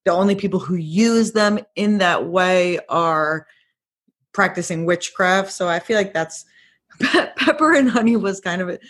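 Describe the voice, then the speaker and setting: Husky, reflective podcast co-host. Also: mid-range voice, lively intonation, unhurried, a bit bright. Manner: reflective, laughs easily. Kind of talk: casual discussion.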